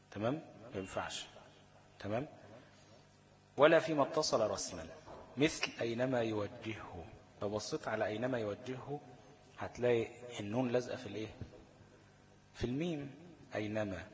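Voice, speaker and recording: A man with an Egyptian Arabic accent, teaching Quran recitation rules. He reads definitions slowly, then explains them in quick everyday speech, often asking a question and answering it himself. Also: mid-range voice.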